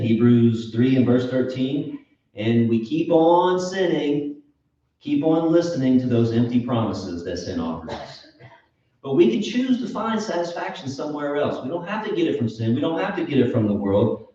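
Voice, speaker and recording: A man's voice: medium pitch, warm tone. A man preaching an earnest, emphatic sermon, asking his listeners questions. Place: church auditorium. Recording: echoey hall, distant mic, dull.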